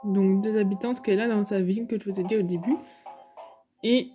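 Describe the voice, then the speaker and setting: A woman's voice: medium pitch, steady tone, a little fast, mellow, soft background music. A woman giving casual, chatty commentary over game footage, hesitant and full of fillers. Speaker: gaming YouTuber.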